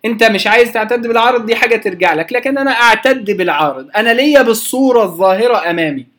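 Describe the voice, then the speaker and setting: In a recorded tajweed lecture on Quran recitation, a man with an Egyptian Arabic accent explains the rules by posing questions and answering them himself, stretching out example words. His voice is very high and fairly bright, and he talks in an animated, rapid-fire way.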